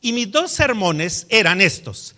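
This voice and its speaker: A man delivers a sermon as a pastor, his voice pitched high and bright. He tells stories in an animated way and stresses his points with emphasis. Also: a little slow.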